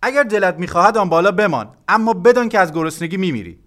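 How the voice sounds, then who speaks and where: A man voicing a stern nobleman father who shouts a threat from a window in an audiobook. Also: high-pitched, lively intonation, voice pushed up. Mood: angry.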